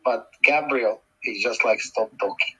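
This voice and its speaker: Male guest speaker, Tongan accent, bright and forceful. Emphatic religious explainer who repeats key phrases. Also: medium pitch, a little slow, husky, low-quality recording. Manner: emphatic, repeats phrases, poses rhetorical questions.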